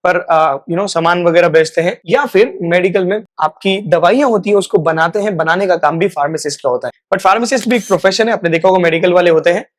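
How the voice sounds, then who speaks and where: A man teaching a spoken English lesson. He repeats each example phrase, stretches it out slowly, and checks in often with "right?". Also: sits high. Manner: slow, drawn-out model phrases; repeats words for practice.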